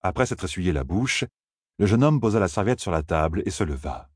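Deep husky male audiobook narrator. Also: a little fast, dry recording, studio quality. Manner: expressive storytelling. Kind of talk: scripted narration.

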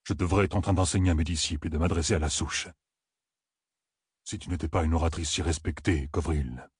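A man voicing an old giant male Ogier elder, gruff and scholarly, who speaks slowly and gravely with a deep rumbling voice. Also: fairly even intonation, dry recording, clean studio sound. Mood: grumbling. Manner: slow, grave and grumbling.

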